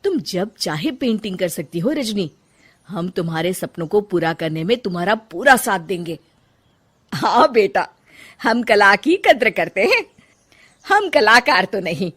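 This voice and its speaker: A woman's voice: medium pitch, big pitch swings, slow pace. A woman voicing a kindly cartoon mother-in-law. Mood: proud. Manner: affectionate, motherly. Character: middle-aged mother-in-law, kindly and proud. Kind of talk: Hindi cartoon story voice acting.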